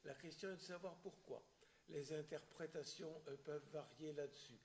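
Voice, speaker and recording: A man giving a history lecture in French, hesitant and full of filler sounds and restarts, often clearing his throat. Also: a little high, moderate pace. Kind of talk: public lecture with questions.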